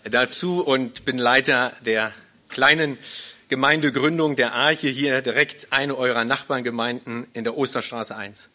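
During a live interview before a congregation, a Berlin-born guest pastor in his forties who leads a small church plant shares his testimony earnestly, explaining as he goes. His mid-range voice is pushed and bright, fairly even in intonation, at a measured pace.

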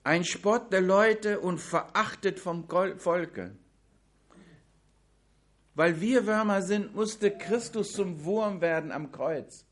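Male preacher, slightly high voice, slow and emphatic, addresses the congregation directly. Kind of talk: sermon.

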